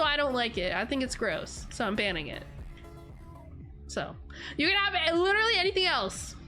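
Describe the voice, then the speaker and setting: This young woman streamer has a high, sharp-toned voice. Congested and stuffy from allergies, she casually reads comments and chats with her viewers, giggly and rambling, with frequent "like"s.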